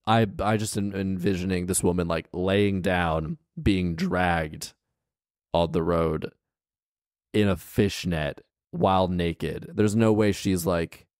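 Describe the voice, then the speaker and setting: In a clean, echo-free studio recording, a man with a low, slightly mellow voice hosts a story podcast. He reads a fairy tale and riffs on it with casual comic commentary, sounding incredulous and wry, using slang and repeating things for emphasis.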